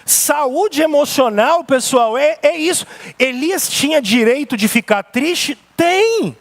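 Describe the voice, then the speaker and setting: A Brazilian-accented male pastor preaches with a very high voice for a man. He drives his points home with emphasis and one rhetorical question after another. It sounds like a sermon given in a church sanctuary. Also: lively intonation, slow pace. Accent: Brazilian Portuguese.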